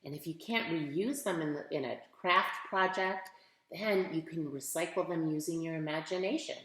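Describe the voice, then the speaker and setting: This is a storytime read-aloud in which a woman with a low-pitched, slightly bright voice reads a picture book at a moderate pace. She reads expressively and asks the children questions. The audio sounds roomy and echoing.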